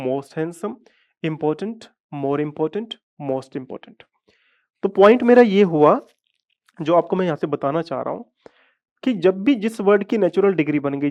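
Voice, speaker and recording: A man teaching a live online English grammar class, explaining step by step, repeating words slowly and asking his students whether they follow. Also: fairly high pitch, a little mellow. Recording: dull lo-fi audio.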